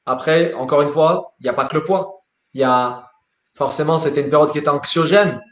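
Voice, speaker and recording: Man, sports coach, fairly high voice, lively, repeats words, echoey room. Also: a little fast. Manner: animated, repeats words while thinking. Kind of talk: live interview answers. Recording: roomy echo.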